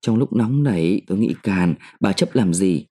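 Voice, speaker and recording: A man's voice: mid-range voice, big pitch swings, brisk, warm tone. A male narrator voicing a blustering middle-aged mandarin husband who argues with his wife. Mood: pleading.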